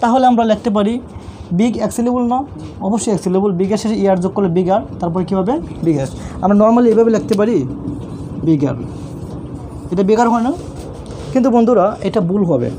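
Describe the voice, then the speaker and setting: A male teacher with a Bangladeshi Bengali accent explains grammar rules in a mellow, warm voice. He keeps asking questions and answering them himself, patient and repetitive. Faint traffic noise hums in the background. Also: sits high, fairly quick, pauses often. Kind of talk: online classroom lesson.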